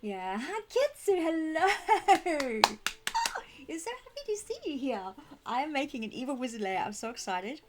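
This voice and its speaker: While live streaming a game, a woman chats casually with viewers in a bubbly, affectionate way, giggling readily. Her voice sits high and is very animated, with a slightly croaky throat that needs clearing. Music plays amid slight background noise.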